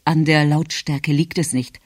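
A man reading aloud and voicing a discreet butler who speaks softly and deferentially. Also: fairly high pitch, flat delivery, unhurried. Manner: hushed, deferential. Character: discreet old male butler, hushed and polite.

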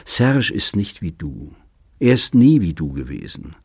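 Audiobook: man reading a soft, begging woman lover, deep and husky. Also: big pitch swings, unhurried, no room sound, clean studio sound, full character voice. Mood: pleading. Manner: pleading, soft. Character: tearful adult woman pleading with her lover.

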